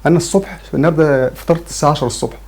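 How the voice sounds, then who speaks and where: A man's voice: fairly high pitch, fairly even intonation, rapid-fire, darkish tone, breathy edge. A man in his fifties with an Egyptian Arabic accent, an earnest and grateful talk show guest. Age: 50s. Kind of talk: casual TV interview.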